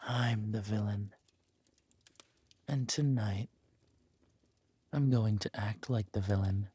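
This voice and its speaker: A man with a mellow, lowish voice portrays a menacing, possessive villain warlord and protective lover in a scripted roleplay audio drama. His speech is deliberate and commanding, dipping now and then into breathy murmurs.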